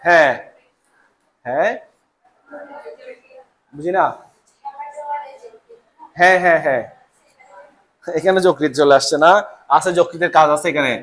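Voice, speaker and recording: A man's voice: fairly high pitch, a little slow, long pauses, fairly bright tone. A young man teaching a biology class to students in a classroom. He repeats each term and keeps checking that they follow. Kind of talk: live classroom lecture.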